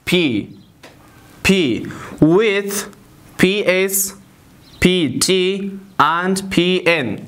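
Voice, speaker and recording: A man giving an English lesson. He says his example words slowly and deliberately, and repeats each one. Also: fairly high pitch, a bit bright. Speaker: English teacher. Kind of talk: language lesson.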